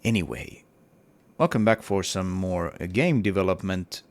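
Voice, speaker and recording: Nursing a cold that has partly taken his voice, an indie game developer chats casually about his game level in a devlog riddled with hesitation and fillers. His deep voice is expressive and moves at a moderate pace.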